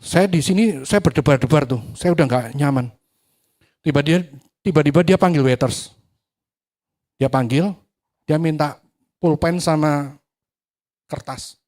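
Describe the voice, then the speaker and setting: A man preaching a sermon, telling a personal testimony with acted-out dialogue, swinging from loud to hushed. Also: a little high, measured pace, pauses often.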